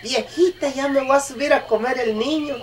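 A man's voice: very high voice, normal speed, a little hiss or hum, voice pushed up. A man with a Mexican accent voicing a greedy, hungry old man who insists on eating a boy.

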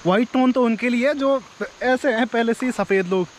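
A man's voice: extremely high pitch, fairly quick, a little hiss or hum, rough recording. A man, vlogging outdoors in hill country near a river, chatty and joking as he talks straight to viewers on a handheld camera. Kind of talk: casual vlog narration.

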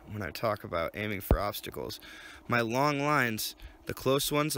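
Guy in his 30s explaining fly fishing by the river, bright voice, faint water noise, camera mic a bit far off. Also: mid-range voice. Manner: easygoing, explaining step by step. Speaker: fishing guide host. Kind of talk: outdoor instructional vlog. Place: outdoors by a river. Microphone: camera mic at a distance.

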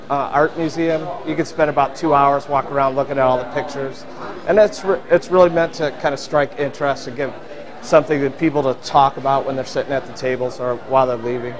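This middle-aged restaurant owner has a fairly high, steady voice and a brisk pace as he's interviewed on camera in a busy dining room. Restaurant crowd noise of chattering diners fills the background, and his answers are studded with fillers and restarts.

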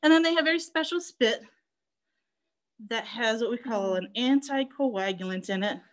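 A woman's voice: on the high side, normal speed, poor audio. A young woman zoo educator giving a live online lesson, chatty and playful, laughing often.

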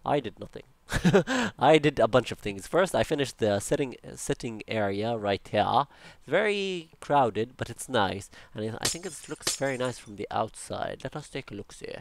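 In an expressive, medium-pitched voice at normal speed with few pauses, a young man with an Arabic accent comments casually while building in a game. The Minecraft building channel host is chatty and rambling, with jokey asides and plenty of self-talk.

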